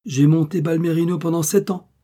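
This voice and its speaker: A man's voice: fairly high pitch, fairly even intonation, brisk, dark tone, voice pushed up, close to an everyday voice. A man reading the part of a determined young male traveler, speaking firmly and insistently.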